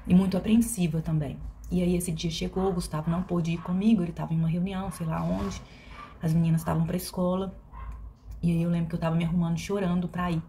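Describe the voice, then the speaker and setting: A woman's voice: fairly low pitch, level tone, fast talker, dark tone, slight background noise. Reflective mineira woman, hesitant speech. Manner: reflective and hesitant, with many fillers and restarts. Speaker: vlogger. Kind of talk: personal confessional vlog.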